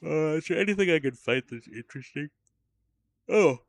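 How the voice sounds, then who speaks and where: A man's voice: on the high side, animated, normal speed, vocal fry, no room sound. A man casually commentating his gameplay on a stream, rambling and swearing, getting tired as he plays. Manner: rambling, profane, drowsy asides. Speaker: game streamer.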